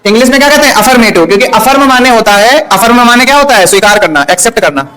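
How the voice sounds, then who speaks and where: A man's voice: very high-pitched, expressive, racing, crowd noise. A male teacher giving a classroom grammar lesson, often stopping to check that his students have understood. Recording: echoey room.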